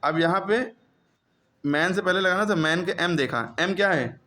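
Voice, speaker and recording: A man's voice: sits high, moderate pace, sharp tone. A man teaching a classroom grammar lesson, who keeps repeating questions to his pupils.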